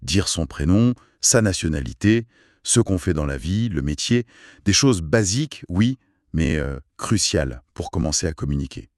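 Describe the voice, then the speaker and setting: Man, teacher, slow careful articulation, repeats key phrases, lively pitch, dry sound. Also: no room sound. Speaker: French teacher. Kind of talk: slow articulated beginner lesson.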